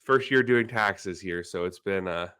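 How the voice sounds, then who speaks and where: Brief: male financial planner, host, slightly low voice, relaxed and wry. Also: measured pace, clear, resonant tone. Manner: easygoing, self-deprecating humor. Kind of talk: casual podcast chat.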